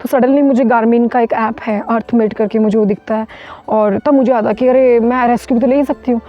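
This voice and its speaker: A woman's voice: fairly high pitch, fairly even intonation, moderate pace. A woman from India, a mountaineer, recounting an ordeal in an interview with vivid, urgent retelling full of restarts. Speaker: mountaineer guest. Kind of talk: interview storytelling. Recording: dull lo-fi sound with faint music.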